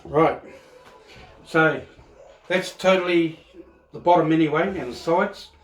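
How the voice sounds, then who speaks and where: Echoey, higher-voiced man with Maori accent. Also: measured pace, a little hiss or hum. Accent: Maori New Zealand. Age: middle-aged. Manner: laid-back, rambling, colloquial. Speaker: home cook presenting a cooking video. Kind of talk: casual cooking demonstration. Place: home kitchen, indoors. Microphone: phone camera across the counter. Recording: echoey kitchen, camera at a distance.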